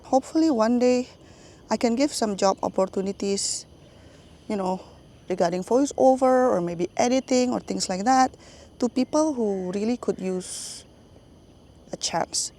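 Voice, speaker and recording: Warm in tone, a little high and a little slow, the voice belongs to a middle-aged YouTube host with a Singaporean English accent. She narrates a casual voiceover for her viewers, with frequent laughter mid-sentence.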